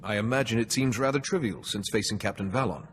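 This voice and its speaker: An actor playing a calm, wise and dutiful Jedi in a video game, speaking formally and with measured care. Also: male voice, on the low side, slight background noise, natural voice. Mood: composed, polite. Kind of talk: video game cutscene dialogue.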